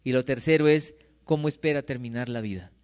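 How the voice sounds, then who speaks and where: A man's voice: mid-range voice, a little fast, darkish tone, in a large hall. A middle-aged man preaching a sermon, asking his congregation questions and answering them himself. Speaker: pastor. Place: church hall.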